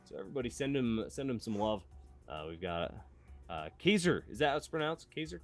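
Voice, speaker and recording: A man hosting live esports commentary, excitable and laughing often, sometimes bursting into shouts, with the hiccups. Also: lowish voice, fairly quick, soft background music. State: has the hiccups. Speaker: esports caster.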